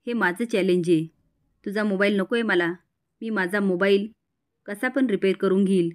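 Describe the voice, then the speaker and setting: Brief: woman reading a proud young man, scornful, her own mid-pitched voice. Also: moderate pace, lightly acted. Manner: read out within a plain recap.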